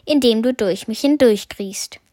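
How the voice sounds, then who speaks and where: A woman's voice: a little high, unhurried, mellow, no echo, clean studio sound, natural voice. A woman reading a children's story aloud, voicing a cheerful, giggly talking number eight. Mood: amused. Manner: giggly, welcoming.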